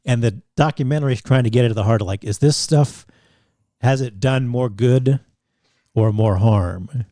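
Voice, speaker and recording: Mellow-voiced man rambling on a podcast. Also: medium pitch, normal speed, no echo, studio quality. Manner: rambling, many restarts and fillers. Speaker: podcast co-host. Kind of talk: casual chat.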